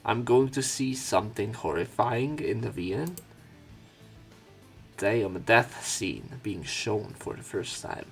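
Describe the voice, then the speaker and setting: This let's play has a man reading a visual novel out loud against game music, stopping now and then to make irreverent, offhand remarks that include some cursing. He talks slowly in a lowish, creaky voice.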